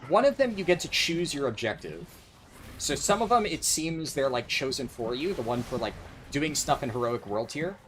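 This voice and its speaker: A man livestreams a game in a casual, sardonic, sweary way. His voice sits at an average pitch, with faint background noise under the talk. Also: expressive, normal speed, a bit bright. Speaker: live streamer, speedrunner. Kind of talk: casual gaming livestream chat and commentary.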